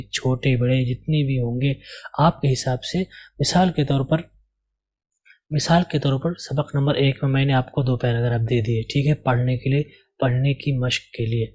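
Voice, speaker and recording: A man's voice: medium pitch, darkish tone. A man from India, teaching an English course and patiently explaining how to do the exercises, repeating his key points. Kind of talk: explaining a language course lesson.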